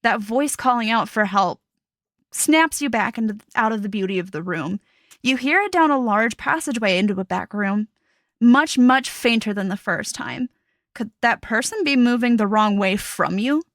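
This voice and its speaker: A woman narrating as dungeon master in a tabletop game, setting scenes in a calm, descriptive way. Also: fairly high pitch, normal speed, no room sound.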